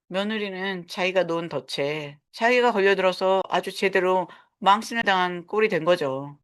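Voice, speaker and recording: A woman in her sixties narrating a first-person story in a calm, matter-of-fact way. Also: on the low side. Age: 60s.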